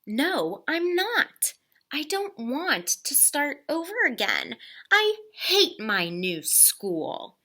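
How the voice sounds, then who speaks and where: Woman acting whining, stubborn storybook Sarah, very animated. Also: high-pitched, very slow, voice pushed up, heavily acted. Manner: moaning, stubborn, complaining. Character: Sarah, reluctant, anxious, whining female newcomer. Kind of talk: storybook character voice in a read-aloud.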